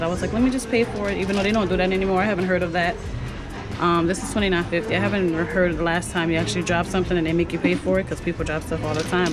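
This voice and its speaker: A woman casually vlogging while shopping in a store, rambling and pointing out prices, with loud store music behind her. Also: fairly low pitch, low-quality recording. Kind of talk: casual shop-with-me vlog. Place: inside a busy retail store. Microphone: handheld camera.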